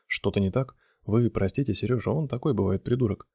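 Male artist voiced by a man, low voice, husky, pleading, dry. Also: a little fast, darkish tone, no echo. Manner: pleading, exasperated insistence. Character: flustered stubborn male artist.

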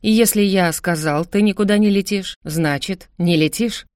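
A woman's voice: mid-range voice, normal speed, dry recording, studio quality, natural voice. A woman doing a cold stern older brother. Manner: calm, cold and clipped. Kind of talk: audiobook character voice.

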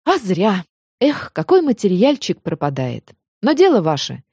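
A woman's voice: medium pitch, wildly swooping pitch, darkish tone, breathy edge, dry recording, clean studio sound, heavily acted. A woman doing a brash, blunt lady journalist. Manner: brisk, blunt.

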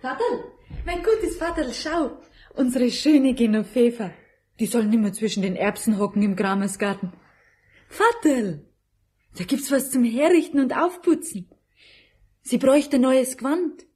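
A loving, consoling daughter with a southern German accent. Her voice is mellow and breathy, gently coaxing in the manner of a radio drama. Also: on the high side, lively intonation, a little slow. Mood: tender, coaxing. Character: tender, consoling grown daughter of old puppeteer.

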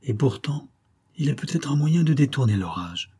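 Man reading an old doom-saying sorcerer, husky and mellow, solemn. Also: medium pitch, lively intonation, moderate pace. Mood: grave. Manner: solemn, prophetic warnings.

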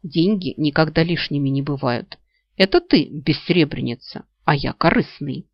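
A woman's voice: sits low, moderate pace, no echo. A woman voicing a sly, greedy male talking dog who whines and wheedles nasally, in a storybook reading. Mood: gruff. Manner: whiny mock-beggar wheedling, nasal. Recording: slightly dull lo-fi audio.

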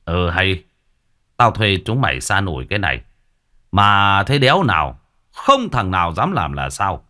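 A man's voice: sits low, bright, forceful tone, heavily acted. A man voicing a coarse, swearing middle-aged rich landowner who bullies his workers. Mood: bossy. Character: gruff crude middle-aged male rich landowner, bossy.

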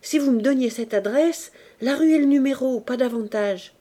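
A woman reading aloud plays a man in a hurry who asks curtly and presses for an answer. Her voice stays high and brisk in this audiobook scene. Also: mellow. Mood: impatient. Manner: curt, pressing. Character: man in a hurry, impatient visitor.

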